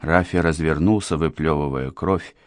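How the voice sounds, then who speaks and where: A man narrating an audiobook in a measured, grave storytelling manner. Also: rumbling low, no room sound, studio quality.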